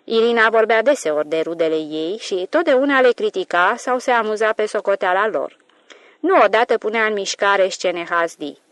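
Calm woman reading a novel aloud. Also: mid-range voice, no echo. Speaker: audiobook narrator. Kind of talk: scripted literary narration.

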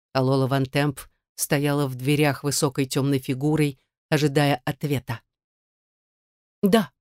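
A woman reading a fantasy audiobook as narrator, measured and expressive, on a close studio mic. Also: deep voice, no room sound. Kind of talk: scripted narration.

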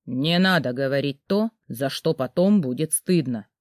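A woman voicing a young husband who speaks slowly and coaxingly, in an audiobook reading. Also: extremely low pitch, animated, no room sound, studio quality, pitched below the performer's own voice. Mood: stern. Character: young husband, calm, coaxing, then cold. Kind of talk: audiobook character voice.

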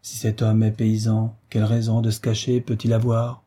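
A man's voice: lowish voice, completely flat delivery, moderate pace, warm tone, breathy edge. A man voicing an anxious noble lady in an audiobook, raising his voice a little for her. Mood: earnest. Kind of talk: audiobook reading.

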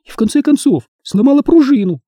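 A man's voice: extremely high pitch, animated, fast, dark tone, dry recording, studio quality, pitched above the performer's own voice. A man voicing a fragile childlike young woman. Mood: plaintive. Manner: plaintive, reproachful.

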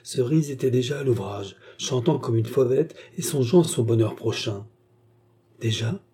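A man's voice: medium pitch, moderate pace, mellow, slightly rough. A man steadily narrating a classic novel as an audiobook.

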